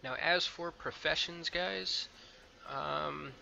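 A man's voice: a little high, slow, gravelly, pushed and bright, muffled recording, slight background noise. A man hosting a let's play, talking casually over his game with frequent ums and a loose, rambling manner. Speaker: gameplay video host. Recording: game music playing behind.

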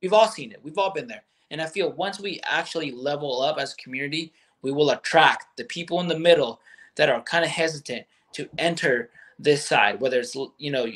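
A man in his thirties, appearing as a guest business owner, talks bluntly and emphatically, swearing a lot, in a candid video-call chat from his bedroom at home. His voice is on the high side with a fairly bright tone.

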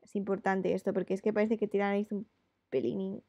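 Chatty woman with a gravelly voice. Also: mid-range voice, flat delivery, brisk, mellow, dry recording. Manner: chatty, rambling with many fillers. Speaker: illustrator. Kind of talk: casual chat while drawing live.

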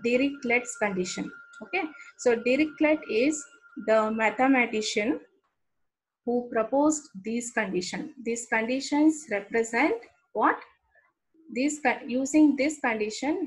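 A woman with an Indian English accent delivers an engineering lecture in a voice on the high side, captured on a low-quality recording. She walks through the material step by step, repeating key terms and frequently checking in with "okay."

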